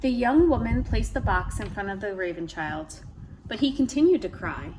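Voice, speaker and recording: A woman's voice: medium pitch, normal speed, poor audio. A woman reading a trickster tale aloud from a picture book, prompting young listeners with questions and wondering aloud. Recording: steady background ambient noise.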